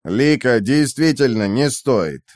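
A thoughtful male scientist, as a narrator reads him, calm and measured as he reasons. His voice carries the narrator's lively pitch. The sound is dry and close. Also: no room sound, close to an everyday voice. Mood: persuasive. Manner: measured, persuasive.

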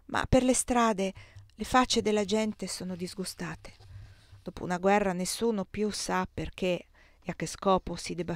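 A woman's voice: no room sound, studio quality. A woman reading a novel aloud, lifting her voice and pushing harder for the quoted dialogue. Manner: expressive, voices dialogue with rising pitch and force. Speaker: audiobook reader.

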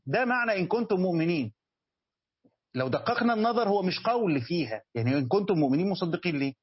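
A religious teacher with an Egyptian Arabic accent gives a Quran commentary lesson, posing questions to his students and then answering them himself. His voice is fairly high and husky. The audio is lo-fi with no echo.

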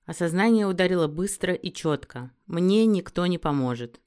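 A woman's voice: lowish voice, expressive, moderate pace, a little mellow, smooth. A woman narrating a first-person fantasy audiobook in a dramatic, emotive reading.

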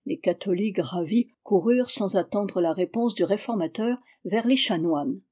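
A woman reads a history book aloud as audiobook narration. Her tone is mellow and darkish, at a middle pitch. She reads steadily and evenly. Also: husky. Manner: steady measured reading. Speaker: audiobook reader.

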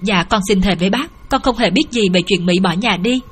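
A courteous, earnest young man addresses his elder with deference, as voiced by a woman narrator in her own voice. He sounds eager to help, and his speech stays polite and measured. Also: mid-range voice, husky, natural voice.

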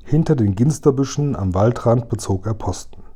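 A man reading a children's book aloud as narrator, calm and even. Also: mid-range voice, normal speed, slightly rough.

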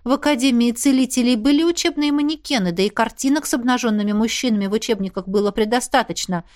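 A woman reading a first-person novel aloud with lively storytelling. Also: fairly high pitch, fast. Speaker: audiobook narrator. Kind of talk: first-person audiobook narration.

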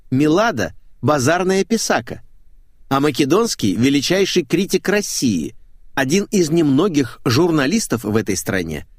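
A man's voice: a little high, no echo, clean studio sound, pitched above the performer's own voice. A man voicing a vain, envious male literary critic who boasts and rants in an audiobook. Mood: boastful. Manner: indignant, boastful.

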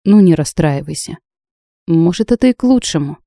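Brief: kind anxious merman, read by a woman, soft, soothing, pleading, mellow and low. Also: animated, moderate pace, dry recording, studio quality.

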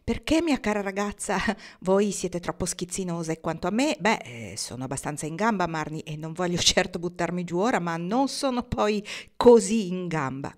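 A woman voicing a worldly, good-humored grown man in an audiobook, speaking calmly and wryly. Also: on the low side, natural voice. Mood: amused, gentle. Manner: calm, wry, measured.

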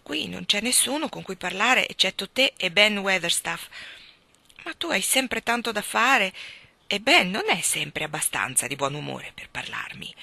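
A woman's voice: mid-range voice, gravelly, sharp tone, no echo. A woman reading the lines of a lonely, eager young girl in a storybook, wistful and earnest in manner.

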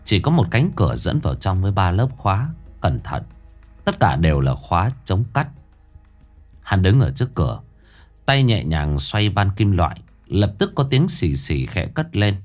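Male storyteller, low voice, animated rise and fall, suspenseful pacing. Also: normal speed, soft background music. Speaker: narrator. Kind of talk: dramatic storytelling narration.

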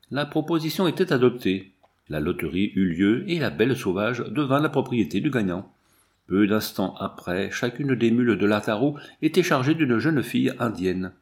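A man reading a novel aloud as narrator, lively and giving the characters' lines their own voices. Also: medium pitch. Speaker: audiobook narrator.

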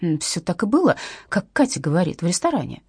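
A woman's voice: lowish voice, very animated, fast, a little mellow, breathy edge, no room sound, studio quality, full character voice. Gossipy beautician Tanechka, read by a woman. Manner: eager, gossipy. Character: chatty, gossipy female beautician.

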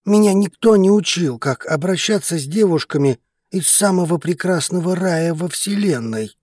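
A woman voicing a passionate, devoted male dragon-alien lover, speaking low, slow and hushed as he pleads. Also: slightly rough, no echo, studio quality. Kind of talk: audiobook character reading.

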